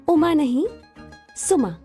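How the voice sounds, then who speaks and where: A woman dubbing a proud young medical student who speaks quickly and indignantly. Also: high-pitched, full character voice. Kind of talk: Hindi film dubbing.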